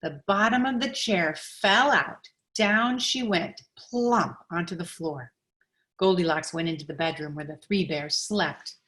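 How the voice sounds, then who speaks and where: A woman with a fairly low-pitched voice reads a children's picture book aloud, using a deliberate and expressive storytelling style.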